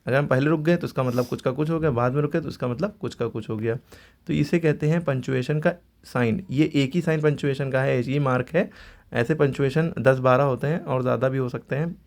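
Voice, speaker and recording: A man's voice: medium pitch, a little fast, a little mellow. A man teaching a grammar lesson to students, patiently explaining and often checking in with "okay". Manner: patient, repeats "ठीक है" often.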